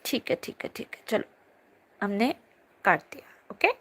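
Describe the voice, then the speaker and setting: A woman's voice: medium pitch, big pitch swings, moderate pace, fairly bright tone, slightly rough. A young woman teacher holding a live online class from her phone, reading students' chat comments aloud and answering them in a chatty, teasing way.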